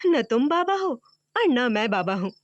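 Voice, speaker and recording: A woman's voice: on the high side, sing-song, unhurried, no room sound, muffled recording. An actress playing a mischievous young woman who teases her friend. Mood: teasing. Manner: teasing, giggly.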